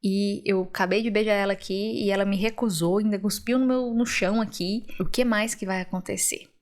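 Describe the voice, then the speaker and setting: A woman voicing a proud, sulky young male officer in retold lines, dropping her voice low and sardonic. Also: fairly even intonation, fairly quick, darkish tone, natural voice. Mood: dejected.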